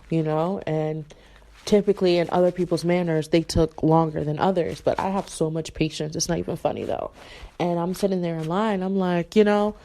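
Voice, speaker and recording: A woman's voice: lowish voice, mellow. A young adult woman hosting a podcast, talking in a casual monologue full of asides and rhetorical questions. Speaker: podcast host.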